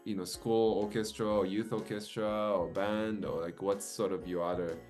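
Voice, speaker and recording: Deep-voiced man interviewing, lots of fillers. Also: level tone, moderate pace, darkish tone, faint music behind. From Japan. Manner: rambling, many fillers and restarts. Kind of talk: casual video-call interview.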